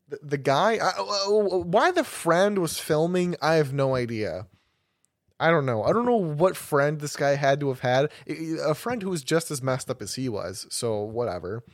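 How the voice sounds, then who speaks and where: A man's voice: on the high side, no echo, studio quality. A young man chatting casually as a podcast co-host, rambling through a story with restarts and bursts of laughter. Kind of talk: casual chat.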